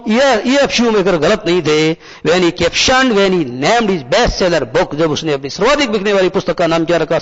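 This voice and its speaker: High-voiced male teacher in an echoey room. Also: highs cut off. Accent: Rajasthani Hindi. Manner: explains slowly, asks the class questions and answers them; reads English lines very slowly. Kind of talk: classroom lecture.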